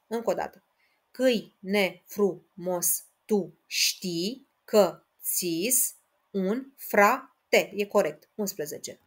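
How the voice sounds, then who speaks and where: A woman teaching a Romanian language lesson for exam preparation, patient and direct with her students, reading lines of verse slowly, syllable by syllable. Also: medium pitch, fairly bright tone. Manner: patient, addresses listeners directly with checks like "da?".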